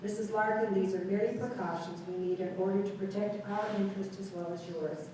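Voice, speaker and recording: A woman's voice: medium pitch, steady tone, fairly quick, noisy background, lightly acted. A woman voicing a stern male doctor with a heavy Russian accent, read aloud in an echoey room from a distant mic. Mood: cold.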